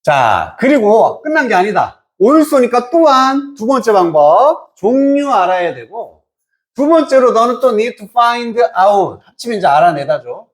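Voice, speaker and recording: A man teaching an English reading lesson, asking and answering his own questions and drawing out English words slowly. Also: sits high, big pitch swings. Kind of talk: lecture.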